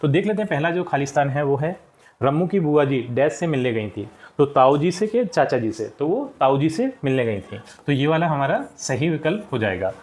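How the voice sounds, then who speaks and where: A male school teacher explains a textbook lesson to a class of children, going step by step through the exercises and patiently repeating each answer. His voice sits on the high side with a darkish tone, very animated, at a normal speed.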